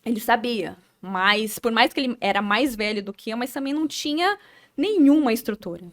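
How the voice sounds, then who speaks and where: Telling her own story on a podcast, a young adult woman with a Brazilian Portuguese accent speaks earnestly in a fairly high, expressive, slightly bright voice. She often pauses and repeats words while recalling things.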